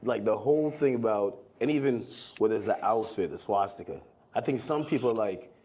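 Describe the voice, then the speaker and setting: A man interviewing someone, putting his questions hesitantly and haltingly. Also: lowish voice, darkish tone.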